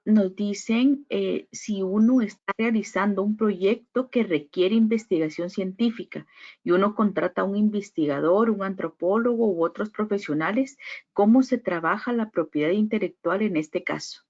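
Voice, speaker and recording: A woman's voice: mid-range voice, normal speed, a little mellow, lo-fi sound. A woman moderating an online workshop, reading out questions and handing over the microphone. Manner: brief and courteous.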